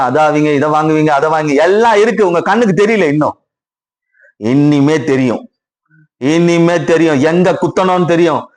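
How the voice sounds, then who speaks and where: A middle-aged man with a Tamil accent preaches a Sunday sermon in a slightly raised voice. He repeats his phrases and keeps turning questions back on the congregation. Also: fairly high pitch. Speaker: pastor.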